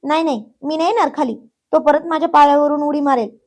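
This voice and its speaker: A woman's voice: sits high, fast talker, a little mellow, close to an everyday voice. A woman voicing a stubborn, clingy young woman who whines and pleads in a childish sing-song. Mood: pleading.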